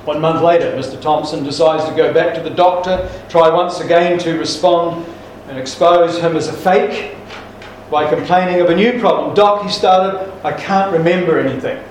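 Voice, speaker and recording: Man preacher, folksy and emphatic, higher pitch, distant mic in an echoey church hall. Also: fairly even intonation, normal speed, a little hiss or hum. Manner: folksy joke-telling with restarts, emphatic. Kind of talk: sermon with jokes.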